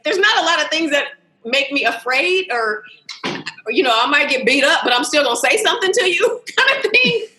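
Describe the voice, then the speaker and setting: An American woman in her early fifties, a talkative podcast guest, animatedly shares family anecdotes on a Zoom video call from indoors, laughing easily. Her voice is high, with a little hiss or hum and a roomy, echoey call sound.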